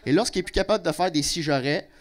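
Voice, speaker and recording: A young Québécois man doing a stand-up comedy set. He is brash and profane and breaks into sudden loud outbursts. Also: fairly high pitch, fast talker. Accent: Québécois French. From Quebec. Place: comedy club stage with a live audience.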